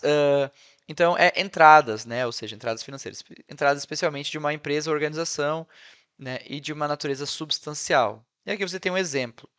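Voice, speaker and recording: A man's voice: on the high side, a bit bright, clean tone. A Brazilian man with a Brazilian Portuguese accent, an English teacher walking through translation tools in a casual screen-share tutorial, dropping frequent tag questions as he goes. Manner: chatty, peppered with "né?" and "ó".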